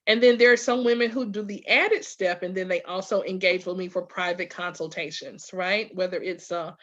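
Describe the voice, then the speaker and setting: A woman's voice: on the low side, steady tone, normal speed, fairly bright tone, muffled recording. A woman from Louisiana with a Southern US accent, speaking informally and emphatically to followers as a group facilitator, often piling up lists and checking in with listeners. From Louisiana, USA. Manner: emphatic, repetitive lists, checks in with "okay" and "right". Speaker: spiritual group facilitator and host. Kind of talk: informal promotional talk to followers.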